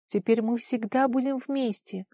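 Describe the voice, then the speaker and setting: A woman reader voicing a gentle, teasing young man in love, soft and soothing in manner. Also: on the high side, steady tone, measured pace, dry recording, studio quality, pitched above the performer's own voice. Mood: tender.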